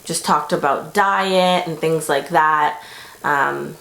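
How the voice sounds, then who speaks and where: A woman's voice: sits low, slow, creaky, fairly bright tone. Chatty young woman vlogging, roomy echo. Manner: chatty, rambling, lots of fillers. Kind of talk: casual pregnancy update vlog.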